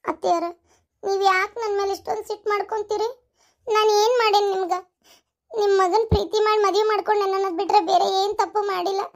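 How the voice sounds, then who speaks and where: A woman's voice: very high voice, fairly even intonation, quick pace. A woman voicing a young wife in a cartoon story, with a North Karnataka Kannada accent, pleading and protesting.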